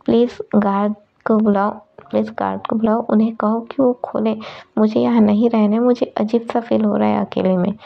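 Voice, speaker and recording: A woman's voice: mid-range voice, level tone, fairly quick, vocal fry. A woman voicing a frightened, injured young schoolgirl who pleads and repeats herself, in a storytelling reading. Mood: pleading. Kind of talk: storytelling with character voices. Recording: dull lo-fi recording.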